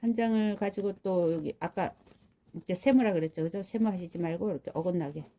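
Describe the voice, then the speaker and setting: A woman with a low, warm, mellow voice gives a relaxed hands-on florist's tutorial. She chats viewers through every step as she works, checking in with them along the way. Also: fairly quick, a little hiss or hum. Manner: chatty, talks viewers through each step while working. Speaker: florist demonstrating flower wrapping. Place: rural home.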